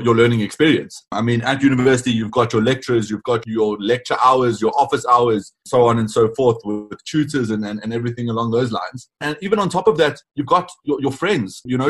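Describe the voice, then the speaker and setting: A man's voice: mid-range voice, breathy edge. A man of about twenty, a student founder speaking eagerly in a podcast interview, often repeating words as he goes. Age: 20s.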